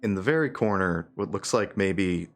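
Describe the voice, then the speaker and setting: Low gravelly game master. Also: male voice, expressive, moderate pace, faint music behind. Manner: hesitant, many fillers, laughs often. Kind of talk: narrating a tabletop game.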